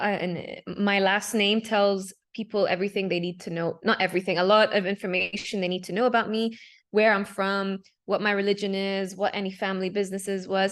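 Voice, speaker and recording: Woman, young adult, casual candid artist talk, fillers and self-corrections, video call. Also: mid-range voice. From Palestinian, raised in Dubai. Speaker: panel speaker, digital artist. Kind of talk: presenting her artwork to an audience.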